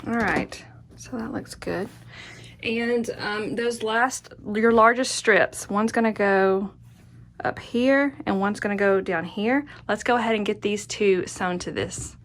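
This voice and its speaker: Speaking at a measured pace in a mid-range voice, a woman demonstrates quilting at an indoor craft table. She keeps up a casual, chatty commentary, softly encouraging herself while she works.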